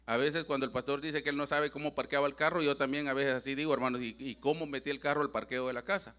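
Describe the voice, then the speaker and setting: A man's voice: mid-range voice, fairly even intonation, fast, fairly bright tone. A middle-aged man with a Central American Spanish accent preaches a sermon in church in an earnest, conversational way. He keeps addressing the congregation as brothers and adds a habitual tag question.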